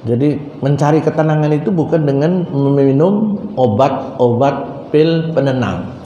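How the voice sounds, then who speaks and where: A man preaching a sermon at an Islamic boarding school, in an animated storytelling way, with a roomy echo and faint ambience. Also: a little high, a little slow, muffled recording, slight background noise. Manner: animated storytelling, acting out voices.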